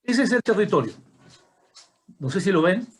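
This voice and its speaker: A man in his seventies with a Chilean accent, a retired teacher giving an informal lecture over a video call, halting, with frequent restarts and asides. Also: sits high, very animated, breathy edge. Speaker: retired teacher presenting a talk.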